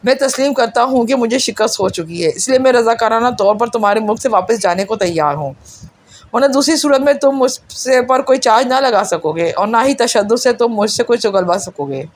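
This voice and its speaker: A woman's voice: a little high, expressive. Woman reading a scheming villain prince. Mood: coaxing. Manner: scheming, shifts between bargaining and threats. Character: cunning defeated foreign villain prince, man.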